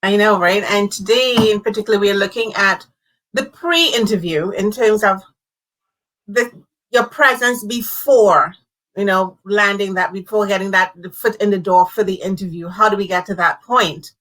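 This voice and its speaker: A woman hosting a live-streamed talk show, speaking in an animated, conversational way with emphasis, over a video call. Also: mid-range voice, moderate pace, rough recording. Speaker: host.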